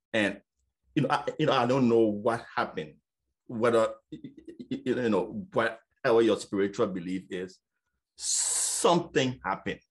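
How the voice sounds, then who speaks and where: A business coach with a fairly low voice speaks on a casual panel. He stutters lightly, repeating sounds, and fills his speech with plenty of "you know."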